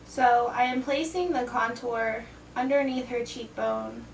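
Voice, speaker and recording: A woman's voice: on the high side, fairly even intonation, measured pace, gravelly. A tipsy, playful woman giving a casual makeup tutorial, chatting loosely as she works. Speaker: makeup video host. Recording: distant, echoey, noisy room.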